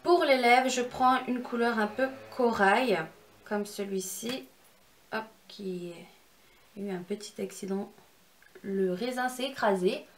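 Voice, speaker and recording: A woman's voice: medium pitch, takes it slowly, a little hiss or hum. A young woman walking viewers through a makeup tutorial in a chatty, instructive way, with self-deprecating asides. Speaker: beauty vlogger.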